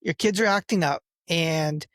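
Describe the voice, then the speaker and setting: A man in his thirties co-hosting a casual talk show about parenting, telling stories with lively acted-out quotes. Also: a little high, unhurried, no room sound, studio quality. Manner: animated storyteller who acts out quoted lines. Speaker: podcast co-host, father.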